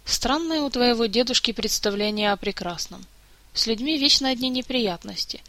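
A woman's voice: a little high, moderate pace, pushed and bright. A woman voicing a cheerful, teasing adult male elf who chats with easy mockery. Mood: amused. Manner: playful, mildly mocking.

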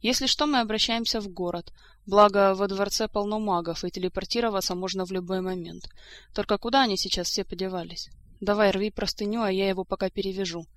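A woman's voice: mid-range voice, fairly even intonation, fast talker, natural voice. A woman reading the part of a hot-tempered young prince who scolds his careless cousin. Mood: exasperated. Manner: exasperated, scolding.

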